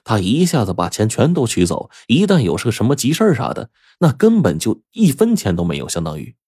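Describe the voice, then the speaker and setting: A man narrating a first-person story for an audiobook in a colloquial, animated way. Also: mid-range voice, fairly quick, slightly rough, no echo, clean studio sound.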